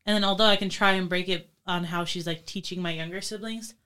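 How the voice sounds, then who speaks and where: A young woman from New York muses through her points in a panel chat, her voice often sinking quieter. Her tone is a touch low and smooth. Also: fairly even intonation, brisk. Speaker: student panelist. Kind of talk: casual panel discussion.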